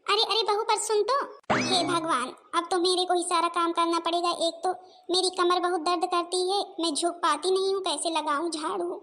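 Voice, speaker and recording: Bossy older mother-in-law, voiced by a woman, high-pitched, scolds and complains. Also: fairly even intonation, moderate pace, bright, forceful tone, a little hiss or hum. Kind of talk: cartoon voice acting.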